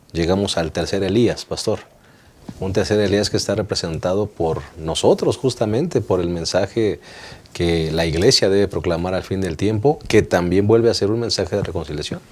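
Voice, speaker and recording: Deep-voiced Mexican male moderator. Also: moderate pace, a little mellow. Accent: Mexican Spanish. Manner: moderating, gives short affirmations. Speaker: host. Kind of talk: Sabbath school lesson discussion.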